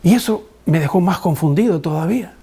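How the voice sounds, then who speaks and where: A man preaching a sermon, a pastor who tells a personal story with lively acted-out dialogue and frequent restarts. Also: high voice, fairly quick, breathy edge.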